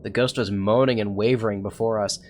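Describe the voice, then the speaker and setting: A man's voice: on the low side, steady tone, a little fast, darkish tone, a little hiss or hum, close to an everyday voice. A man reading scripted first-person horror game narration as an anxious young character. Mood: anxious, hushed suspense. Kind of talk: scripted narration read from a horror visual novel.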